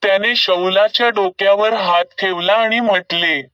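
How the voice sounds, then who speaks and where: A man narrating scripture in a slow, measured reading. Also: high voice, fairly even intonation, bright, forceful tone, clean tone, no echo. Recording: dull recording from a distance.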